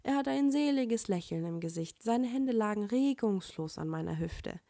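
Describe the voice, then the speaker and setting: Young woman, first-person fan fiction narrator; mid pitch, dry close-miked recording. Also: animated, moderate pace, dark tone, no echo.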